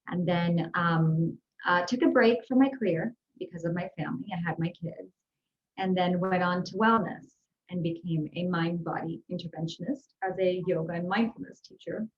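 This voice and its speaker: An executive and life growth coach from Houston, Texas, in the United States, appears as an interview guest over a video call. Her voice is on the low side, and her answers are upbeat, earnest and conversational. The highs in the audio are cut off.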